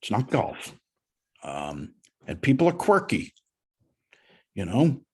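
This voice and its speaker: A middle-aged man with a husky voice, coaching a student one-on-one on sales calls in a folksy, animated way. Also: mid-range voice, slow. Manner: animated, folksy, uses analogies.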